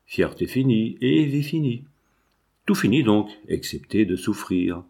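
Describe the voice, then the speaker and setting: A proud, desperate young noblewoman speaks in a harsh, hard voice, as a male audiobook reader puts her on. Her tone stays low and set. It is read as part of a storybook. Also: lively intonation, measured pace, warm tone, slightly rough, full character voice. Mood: bleak.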